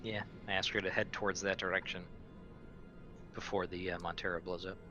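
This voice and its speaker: Blunt and bossy, a man swears freely while chatting casually during a tabletop roleplaying game. His voice sits low with a flat, brisk delivery, and the lo-fi recording has music playing under him.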